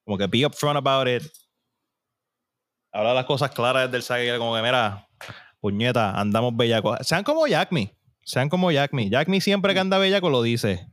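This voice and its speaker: A man's voice: medium pitch, lively intonation, normal speed, fairly bright tone, dry recording, studio quality. A man, co-hosting a podcast in joking casual chat and switching into English slang. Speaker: podcast co-host.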